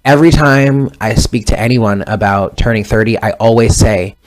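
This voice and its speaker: This tarot reader is a man in his thirties whose lowish voice moves at a moderate pace through a casual reading. He tends to ramble, chatting conversationally and correcting himself mid-sentence.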